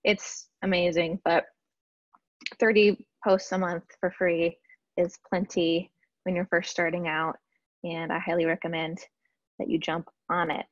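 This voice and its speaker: A woman marketing strategist presenting a workshop in a casual, chatty way, often pausing with fillers and restarting sentences. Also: fairly low pitch, flat delivery, no echo, dull audio. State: briefly out of breath. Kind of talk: casual slide-based webinar teaching.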